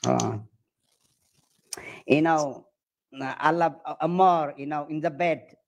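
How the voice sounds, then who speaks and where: A man's voice: fairly high pitch, fairly even intonation, slow pace. A man with an Eritrean accent speaking broken English, playfully flirting and boasting as a comedian on a video chat. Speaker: comedian prank-chatting.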